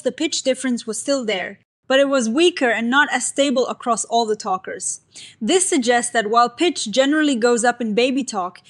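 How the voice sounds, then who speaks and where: A woman hosting a science explainer, giving a scripted narration of a research paper in a clear, upbeat, explanatory way with everyday comparisons. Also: fairly high pitch, fairly bright tone.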